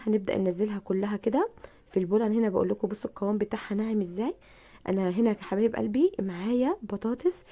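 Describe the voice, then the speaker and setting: A fast-talking Egyptian woman hosts a home cooking lesson, her voice hoarse and gravelly from a cold. She chats on, repeating herself and calling her viewers sweet names. Her tone is dark and mellow. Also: medium pitch. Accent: Egyptian Arabic. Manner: chatty, repeats herself, addresses viewers affectionately. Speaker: cooking channel host. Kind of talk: cooking tutorial.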